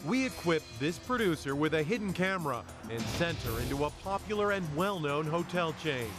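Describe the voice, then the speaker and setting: Male TV reporter, scripted narration, fairly high voice, dramatic delivery, music underneath. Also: sing-song, fairly quick. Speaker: investigative TV reporter.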